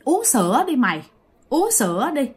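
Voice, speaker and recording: A woman's voice: sits high, huge pitch swings, normal speed. A woman voicing a menacing old female ghost hag who coaxes and threatens. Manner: coaxing then threatening.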